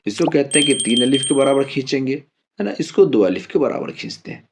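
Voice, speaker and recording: A man's voice: medium pitch, expressive, noisy background. Patient man teaching Quran reading. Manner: patient, spells out letters slowly and repeats drills. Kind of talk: step-by-step Quran lesson.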